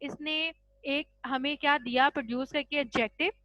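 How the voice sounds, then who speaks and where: A woman's voice: high voice, steady tone, moderate pace, fairly bright tone, no echo, low-quality recording. A woman teaching English grammar in a patient classroom style, mixing Hindi with English terms and checking in with "ठीक है?" after each point. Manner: addresses students as children.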